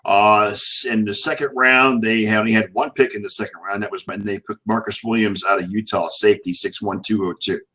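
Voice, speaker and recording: A man hosting casual sports talk in a halting way, often repeating words as he goes. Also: on the low side, steady tone, sharp tone. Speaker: sports show host.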